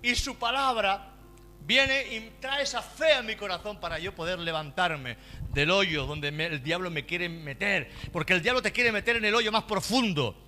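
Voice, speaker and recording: Pastor guy preaching hard, high bright voice, soft music behind. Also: normal speed. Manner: impassioned preaching, swings from hushed prayer to shouting. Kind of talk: sermon.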